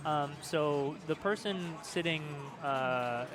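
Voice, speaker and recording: A man giving casual, chatty live commentary on a pinball tournament, self-deprecating and quick to laugh. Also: on the high side. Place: pinball arcade bar.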